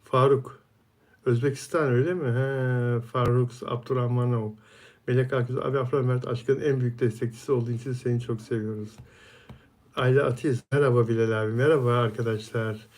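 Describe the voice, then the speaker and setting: A man hosts a casual live stream, reading viewer comments aloud one after another. His voice sits at an ordinary middle pitch, and he answers each viewer by name in a friendly, chatty manner. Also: fairly even intonation, a little fast, darkish tone.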